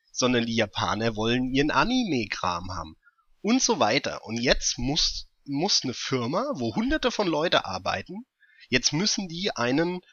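Animated man explaining with energy. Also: mid-range voice, no echo, muffled recording. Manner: animated, explains with hypothetical scenarios. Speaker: podcast co-host. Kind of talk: casual gaming podcast chat.

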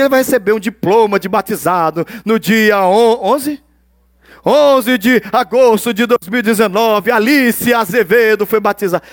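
Male preacher, high-pitched and dry, animated delivery that swings between loud and hushed. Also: no room sound. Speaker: pastor. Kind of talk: sermon.

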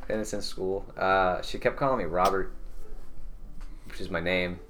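A man's voice: low-pitched, normal speed, noisy background. A young man co-hosting a casual podcast, telling a childhood story and breaking into laughter often. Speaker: podcast co-host. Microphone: shared podcast mic.

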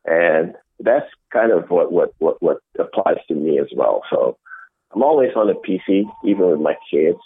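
A middle-aged man from the Netherlands answering interview questions in a measured way, often restarting his sentences. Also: sits low, big pitch swings, breathy edge, no echo. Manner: measured, with frequent restarts and fillers. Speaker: interview guest, innovation executive. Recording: dry, tinny phone-like call audio.

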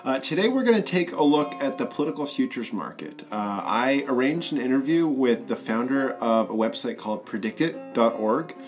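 A man's voice: mid-range voice, animated, normal speed, few pauses. A man hosting his own podcast, introducing an interview and asking questions in a casual way full of fillers. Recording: music bed under the intro.

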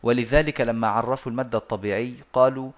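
A man teaching a lesson over a video call, explaining step by step and pausing often on drawn-out hesitations. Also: mid-range voice, fairly even intonation. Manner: measured and methodical, with frequent drawn-out hesitations.

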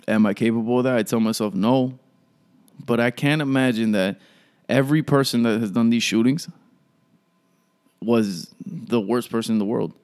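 A man's voice: mid-range voice, normal speed, long pauses, darkish tone, clean tone. A young man, ranting casually and profanely as a podcast host, full of "like" and "yo.". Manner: profane, rambling, frequent "like" and "yo".

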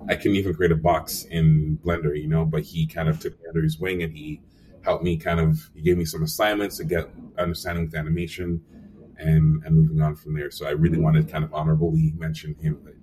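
Deep-voiced young man telling animated stories. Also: fairly quick, recorded from a distance, a little hiss or hum. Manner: animated storyteller, acts out quotes, frequent fillers. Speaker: animation supervisor guest. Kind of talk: casual storytelling interview.

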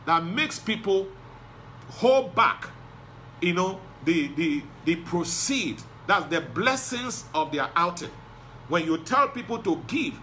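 A man's voice: sits high, sharp tone, a little hiss or hum. A male pastor preaching a sermon, driving points home with emphatic repetition.

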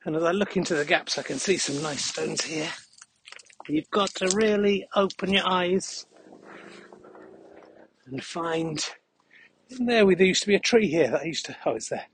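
A man's voice: on the high side, lively intonation, normal speed, pauses often, fairly bright tone, a little hiss or hum. A man hosting a podcast as a casual, rambling monologue while walking outdoors on a country path. He is out of breath and adds dry, jokey asides. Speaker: podcast host.

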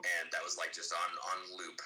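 A man's voice: low-pitched, completely flat delivery, brisk, pushed and bright, slight background noise. A young man co-hosting a podcast in casual conversation with a friend. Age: young adult. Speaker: podcast co-host. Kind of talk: casual chat between friends.

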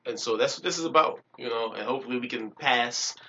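A man's voice: medium pitch, fast talker, pushed and bright. A man co-hosting a casual podcast, talking in a loose, reflective way. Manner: reflective, loose, playful with repeated catchphrases. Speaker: podcast co-host. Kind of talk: casual chat. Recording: dull lo-fi audio with faint noise.

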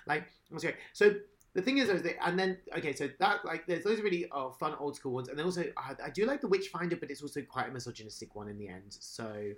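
A man in casual podcast chat, rambling and animated, swearing now and then. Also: a little high, quick pace.

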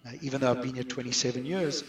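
This middle-aged South African outsourcing expert races through his conversational interview answers in a mid-range voice with fairly even intonation. He sounds distant from the mic, caught in a roomy echo with slight background noise.

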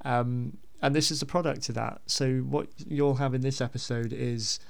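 At a moderate pace, a man hosting a podcast chats informally without a script. There's lots of fry in his fairly steady-pitched voice, and he wanders through his thoughts hesitantly, frequently repeating words.

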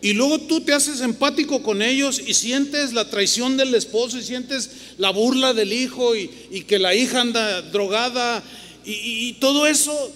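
A middle-aged man with a Mexican Spanish accent, preaching a sermon as pastor and telling stories with lively voices for the people in them. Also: extremely high pitch, moderate pace. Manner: animated storytelling, voices other people's lines. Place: church hall with long reverb. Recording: reverberant hall, faint noise.

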